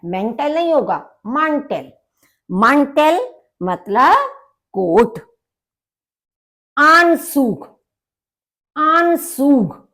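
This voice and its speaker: A woman teaching a vocabulary lesson, saying each word twice with emphasis before explaining it. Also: on the high side. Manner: repeats each word slowly, stressing it. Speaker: language teacher.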